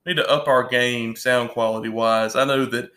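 A man's voice: mid-range voice, fairly even intonation, sharp tone. A man co-hosting a casual podcast, joking and telling stories with a laugh. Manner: joking, drawn-out storytelling with frequent laughs. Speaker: podcast co-host. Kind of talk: casual chat. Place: home, at his own home bar.

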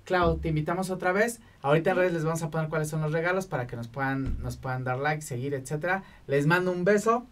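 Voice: mid-range voice, quick pace, few pauses. Voz mexicana efusiva, conduciendo un programa. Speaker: talk show host. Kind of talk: casual conversational hosting.

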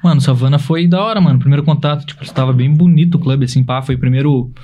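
A male DJ guest talking about his gigs in a relaxed, slangy way. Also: mid-range voice, quick pace, lo-fi sound. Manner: laid-back slangy talk. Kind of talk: casual interview chat.

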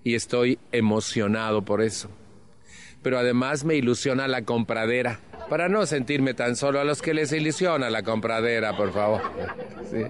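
A man in his seventies with a Mexican accent tells his own story to a support group. He speaks earnestly and with animation, and he drops in blunt slang as he goes. His voice sits at an ordinary middle pitch. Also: moderate pace, some chatter behind. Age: 70s. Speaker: Al-Anon speaker. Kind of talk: personal testimony talk.

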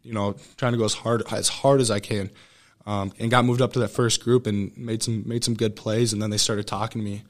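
A man's voice: on the low side, little pitch movement, fairly quick. A young American man, a student athlete, telling earnest, informal, rambling anecdotes as a guest in a casual interview. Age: young adult.

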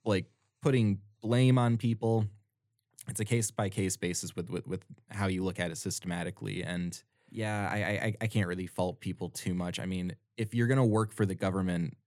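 On a podcast he co-hosts, a young man from the United States talks through politics in a casual, earnest way, stumbling over repeated words at the start of his thoughts. He speaks fairly fast in a low, steady, slightly mellow voice. It's studio quality, with no room sound.

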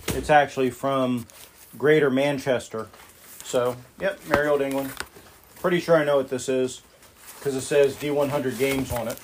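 A man's voice: mid-range voice, a little hiss or hum. Male podcast host, mid-range voice, informal and unpolished, talking off the cuff. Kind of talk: casual podcast talk. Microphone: phone.

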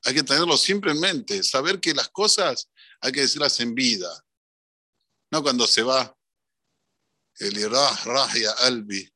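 A man with an Argentine accent, a religious teacher giving an animated storytelling sermon. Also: mid-range voice, unhurried, long pauses, dry recording, clean studio sound. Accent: Argentine Spanish. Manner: animated, swings between voices.

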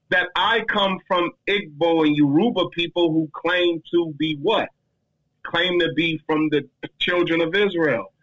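A man holds forth in a casual discussion, emphatic and slangy, his voice pitched high and bright. The tone is husky, and he speaks with lively conviction. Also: low-quality recording. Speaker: speaker answering a question.

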